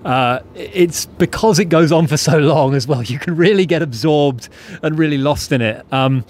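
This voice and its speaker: A man's voice: on the high side, moderate pace, darkish tone. A man co-hosting a podcast, chatting and asking hesitant questions as a friendly interviewer. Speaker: podcast co-host. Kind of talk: casual chat.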